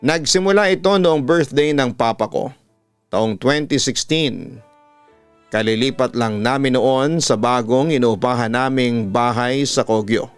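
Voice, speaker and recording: Reading out a horror letter sent in by a listener, this radio announcer and storytelling host speaks with a Filipino accent. His mid-range voice is clear and resonant, set against background music.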